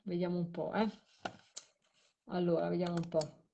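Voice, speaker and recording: A woman's voice: on the low side, level tone, moderate pace, vocal fry, dark tone, a little hiss or hum. A tired woman hosting a late live stream, talking to a caller while she replays audio clips. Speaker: host of a live show on spirit voice recordings.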